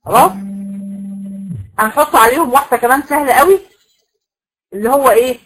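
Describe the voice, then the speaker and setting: A woman's voice: sits high, brisk, fairly bright tone, slightly rough, low-quality recording. A woman with an Egyptian accent teaching a recitation class to women students, explaining rules step by step and asking the class questions that she answers herself. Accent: Egyptian Arabic. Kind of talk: classroom lecture.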